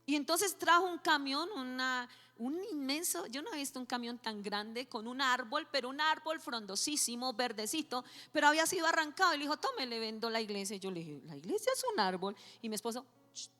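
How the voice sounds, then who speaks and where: A woman pastor preaches to her congregation in an animated storytelling manner, acting out the voices in her story. Her voice sits a little high. It rings with long hall reverb, and faint music plays behind her. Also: a little fast, few pauses. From Colombia. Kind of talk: sermon.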